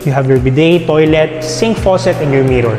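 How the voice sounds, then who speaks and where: Narrating fairly quickly in a somewhat high voice, a Filipino real estate guide moves through the big empty rooms of an indoor house, naming features and peppering his talk with "yan" and "no". Light music plays under the echoey sound.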